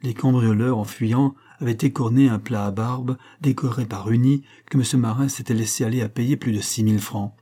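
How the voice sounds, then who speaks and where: A man reading a story aloud in measured narration, raising his voice for the characters' quoted lines. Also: mid-range voice, steady tone, warm tone. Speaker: audiobook reader. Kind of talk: scripted narration.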